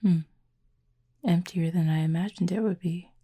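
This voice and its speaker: This intimate audio roleplay features a woman as a quietly fond cupid, calm and reserved, whose measured, formal phrasing carries a gentle tease. Her lowish voice is soft, breathy and hushed throughout.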